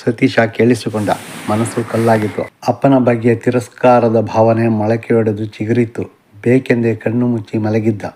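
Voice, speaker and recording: A man who wrote the novel narrating it as an audiobook in a measured, steady reading. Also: fairly low pitch. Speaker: author and narrator.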